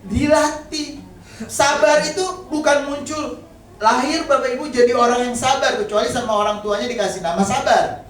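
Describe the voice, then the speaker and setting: A man's voice: very high-pitched, fairly even intonation, moderate pace, a little hiss or hum. A man preaching a casual sermon in a church, speaking conversationally with humorous asides and often addressing the congregation directly. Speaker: pastor. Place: church hall. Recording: very echoey hall, mic at a distance.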